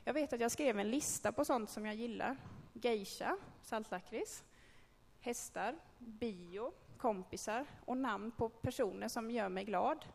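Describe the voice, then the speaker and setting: Woman sharing a personal testimony to a group, conversational and halting, gravelly tone, recorded in a reverberant hall. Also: fairly high pitch, darkish tone. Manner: candid, conversational storytelling with hesitations. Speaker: speaker telling a personal faith story.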